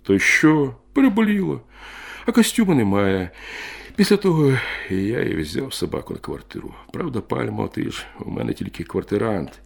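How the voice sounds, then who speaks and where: Man doing a bitter young miner, raised and loud. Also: mid-range voice, big pitch swings, moderate pace, voice pushed up. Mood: wistful. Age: 30s. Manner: gruff, bitter, heated retorts. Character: bitter hard-drinking young male miner, prickly.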